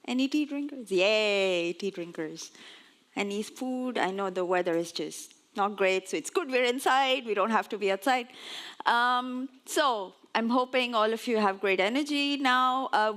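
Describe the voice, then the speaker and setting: A woman's voice: medium pitch, fairly bright tone. A woman in her forties, originally from Pakistan, giving a conference talk on stage in a chatty, lightly self-mocking way. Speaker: conference speaker. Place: on stage before an audience.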